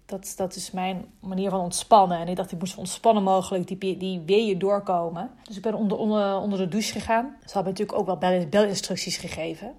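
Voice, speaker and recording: A young woman calmly telling the story of giving birth, in a reflective, soft-spoken way. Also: mid-range voice, a little fast, hardly any pauses. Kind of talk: casual personal storytelling.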